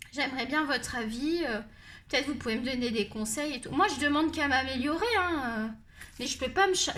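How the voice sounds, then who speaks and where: A woman with a high, shrill voice who talks loudly and at length, chatting her way through a colored-pencil tutorial. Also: slight background noise. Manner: loud, talkative and animated. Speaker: colouring tutorial host.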